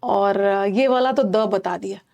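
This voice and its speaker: A woman teaching a class, explaining pronunciation slowly and repeating each sound for her students. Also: medium pitch, creaky, darkish tone. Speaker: English teacher. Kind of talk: classroom lesson.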